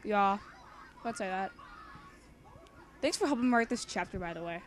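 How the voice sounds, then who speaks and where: A young woman who writes and reads fan fiction reads a story aloud in a casual, chatty way, giggling and rambling informally. Her voice is medium-pitched and animated, at a normal pace.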